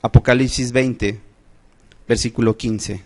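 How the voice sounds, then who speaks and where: A man preaching a sermon in church, emphatic, rising to outcries and dropping to low solemn phrases. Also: fairly even intonation, a little slow, darkish tone. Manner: addresses listeners as brothers, asks rhetorical questions.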